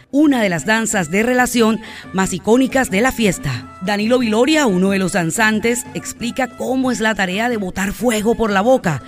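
A woman reporter narrates a scripted feature. Her voice sits at a medium pitch, with light music underneath.

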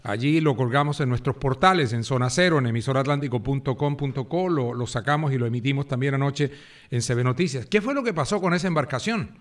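A man's voice: medium pitch, fast. A man hosting a radio news interview, asking direct questions and reading out a report. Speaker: radio host.

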